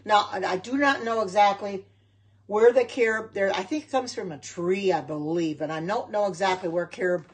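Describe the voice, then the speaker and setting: A husky, medium-pitched woman's voice moves at a moderate pace. She's a middle-aged American home cook and vegan livestreamer, chatting loosely in her kitchen and answering viewer comments as she rambles.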